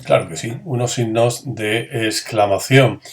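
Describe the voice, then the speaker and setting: A man with a medium-pitched voice teaches a grammar lesson at a measured pace, over a faint hiss or hum. He poses questions to his students, answers them himself, and acts out the intonation of every example sentence.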